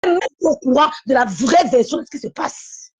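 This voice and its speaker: A woman's voice: high voice, expressive, brisk. A woman calling into a live stream, talking in an insistent, repetitive, confrontational way. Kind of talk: heated live-stream call.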